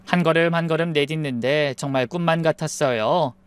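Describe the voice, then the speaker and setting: A woman's voice: deep voice, a little fast, clear, resonant tone, no room sound. A young woman telling her own story in the first person, confiding and reflective.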